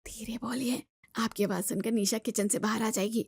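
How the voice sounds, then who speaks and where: Woman doing a fussy sneaky mother-in-law over 65, a bit high, dry close sound. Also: steady tone, normal speed, creaky, darkish tone, slightly rough, no echo. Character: sweet-toothed older diabetic mother-in-law, over 65.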